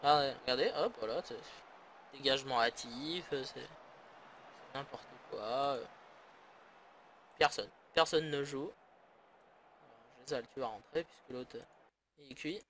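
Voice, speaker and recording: A French gaming YouTuber speaks in a mid-range, fairly bright voice at a measured pace with long pauses, over slight background noise. His casual let's-play commentary on a football management game is sarcastic and grumbling, with frequent swearing.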